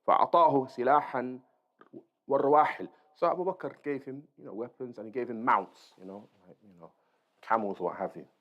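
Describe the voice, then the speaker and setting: In a casual Islamic lesson, a fast-talking man with a medium-pitched voice reads aloud and explains along the way, using short tags to check on his listeners. The sound quality is dull and lo-fi.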